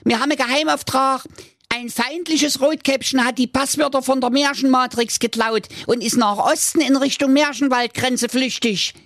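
Zwenny, a squeaky tiny dwarf commander. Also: male voice, fairly even intonation, fairly bright tone, dry recording, studio quality. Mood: commanding. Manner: shrill, hurried orders.

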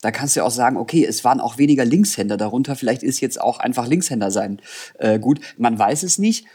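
Male co-host, husky voice, mid pitch, expressive and wordy. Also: fast talker. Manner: expressive, wordy, laughing often. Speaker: podcast co-host. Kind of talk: casual chat.

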